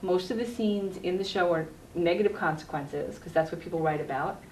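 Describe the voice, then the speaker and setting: A middle-aged woman, a university health educator, is a guest on a cable TV program, earnestly explaining her work in a conversational interview. Her voice is on the low side, brisk and darkish. The echoey room and distant mic leave roomy reverb and faint noise.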